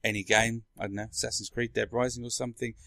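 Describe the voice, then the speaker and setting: A man's voice: medium pitch, level tone, quick pace, gravelly, bright, forceful tone, dry recording, studio quality. A man in a casual tech chat, explaining things in a rambling way as a podcast speaker. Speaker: podcast guest or co-host explaining a console.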